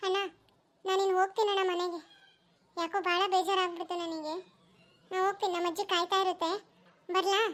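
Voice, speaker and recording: A woman voicing a fiery, sharp-tongued young village woman in a cartoon, scolding hard. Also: extremely high pitch, level tone, brisk, pauses often. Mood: dejected. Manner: scolding, abusive outbursts. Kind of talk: cartoon voice acting.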